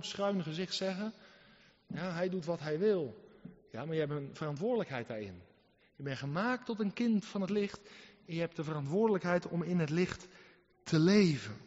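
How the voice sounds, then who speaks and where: High-voiced preacher in an echoing hall. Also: male voice. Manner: emphatic, full of rhetorical questions, swings between loud and soft. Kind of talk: sermon. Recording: reverberant hall, dull lo-fi sound.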